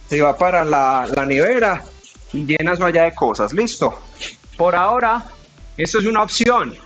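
High-voiced Colombian fitness coach. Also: male voice, highs cut off. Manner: energetic, pushing and counting down reps. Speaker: fitness trainer. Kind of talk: coaching a home workout.

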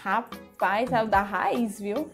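Speaking very slowly in a medium pitch, this young adult reaction video host has a Brazilian accent. Background music accompanies her casual, gushing commentary, which is exclamatory and punctuated by giggles.

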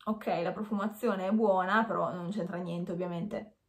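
Talking casually to camera during an unboxing, this woman in her thirties has a low-leaning voice with fairly even intonation and normal speed. She's a beauty vlogger wearing a dental retainer, hesitant and self-correcting, recorded in a small, echoey bare-walled room with slight background noise.

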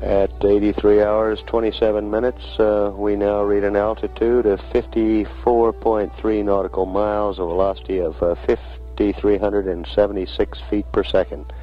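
A man announcing live mission commentary from control in a measured, halting way with many hesitations. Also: on the low side, flat delivery, lo-fi sound. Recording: band-limited 1960s radio broadcast, faint music.

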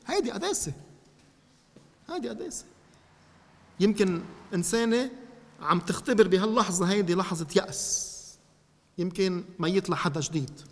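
A man preaching in a Lebanese Arabic accent, teaching a congregation and speaking to them directly with animated energy. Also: high-pitched, in a large hall. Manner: animated, addresses listeners directly.

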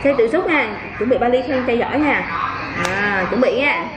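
A woman's voice: on the high side, lively intonation, normal speed. A young mother filming a casual family vlog at home, playfully coaxing and praising her children as they eat. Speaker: mother and vlogger. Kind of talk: casual family vlog, talking to kids and viewers. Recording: loud background noise.

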